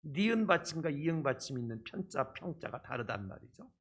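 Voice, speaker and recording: A man's voice: fairly high pitch, sing-song, a little fast, slightly rough. A man preaching as a pastor through a face mask, explaining step by step and often putting rhetorical questions to his congregation. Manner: speaking through a face mask, slightly muffled. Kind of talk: sermon to a congregation. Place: church service.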